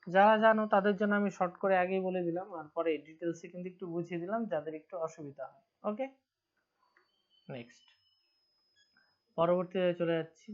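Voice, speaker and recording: A woman's voice: lowish voice, fairly quick, pauses often. Bengali woman teaching English grammar. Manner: asks students questions and answers them herself. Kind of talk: online grammar lesson. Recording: dull lo-fi recording.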